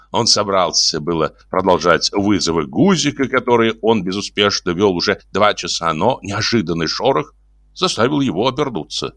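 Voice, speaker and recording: Male audiobook narrator, lively expressive reading, dry close sound. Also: low voice, no room sound. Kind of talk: scripted narration.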